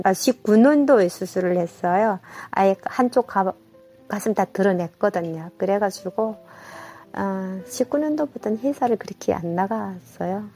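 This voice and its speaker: A woman from North Korea with a North Korean accent, telling her own story in a casual interview in a halting, unpolished, colloquial way. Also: mid-range voice, a little mellow.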